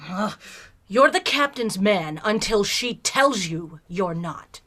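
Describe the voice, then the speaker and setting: A woman performs a bold, composed female starship captain in a science fiction audio play. The voice sits at a middle pitch. The delivery is measured and firm, with quiet authority. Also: animated. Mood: gentle, reserved. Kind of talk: gender-swapped science fiction audio drama acting.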